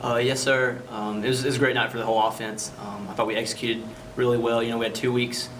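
A young man, a college football player, answering politely with "yes, sir" and many pauses. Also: medium pitch, flat delivery, a bit bright, slight background noise. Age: young adult. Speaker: college running back. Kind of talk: postgame interview. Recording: distant mic.

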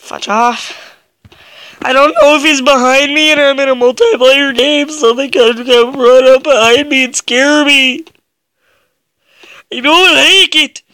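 A woman's voice: high voice, steady tone, measured pace, fairly bright tone, no echo. A young woman doing gameplay commentary, jumpy and yelping with laughter when scared. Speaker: gaming video creator.

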